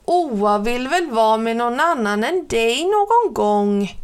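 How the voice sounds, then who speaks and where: A woman's voice: a little high, expressive, clear, resonant tone, close to an everyday voice. A woman voicing an impatient, dismissive preschool lady. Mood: brusque.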